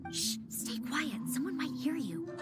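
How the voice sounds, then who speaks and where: Here is a gentle young noblewoman from a fantasy game. Her voice sits high and soft, earnest and a little hesitant. Game music plays clearly behind her. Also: a little slow. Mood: worried. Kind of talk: game voice acting.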